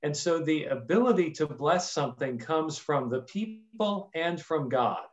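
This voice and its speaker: A man's voice: a little high, lively intonation, measured pace. A middle-aged man, a priest, plainly explaining things for children on a video call. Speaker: priest, interview guest. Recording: slightly dull video-call audio.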